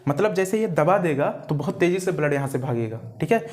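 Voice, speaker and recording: A man's voice: a little high, expressive, fairly quick, a little mellow. Male teacher quizzing with rhetorical questions. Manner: keeps asking rhetorical questions and repeating terms, calls students "beta"; spells out terms letter by letter. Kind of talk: Hinglish classroom biology lecture.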